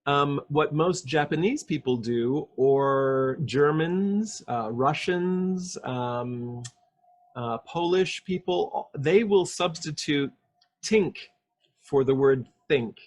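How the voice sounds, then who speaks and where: Taking his time, this man has a slightly high voice. He's an English pronunciation coach in a casual video call interview, demonstrating sounds and explaining them with patience.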